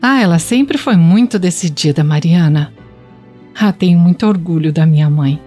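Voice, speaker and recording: A woman's voice: lowish voice, moderate pace, dark tone, soft background music, close to an everyday voice. A Brazilian actress playing a proud, reflective mother fondly telling family history in a radio drama. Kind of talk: radio soap opera acting.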